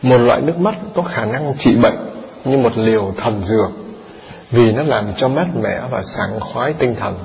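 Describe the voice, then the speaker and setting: A man's voice: mid-range voice, lively intonation, moderate pace, gravelly, a little hiss or hum. A man reading out an ancient king's formal, deferential questions to a sage. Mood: inquiring. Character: ancient king questioning a sage, male, curious. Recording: echoey hall, dull lo-fi sound.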